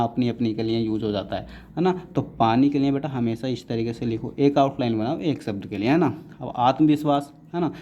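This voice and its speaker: A man's voice: mid-range voice, mellow, muffled recording. A man teaching shorthand in a patient, repetitive classroom manner, often checking in with his students. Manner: patient, repeats "है ना" often, calls students "बेटा". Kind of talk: classroom lesson explaining writing rules.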